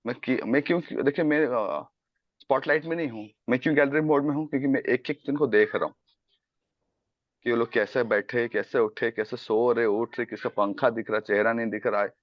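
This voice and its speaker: A man's voice: medium pitch, brisk, no echo, lo-fi sound. A man teaching a sales class on a video call, mixing Hindi and English and quizzing his students. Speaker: sales coach.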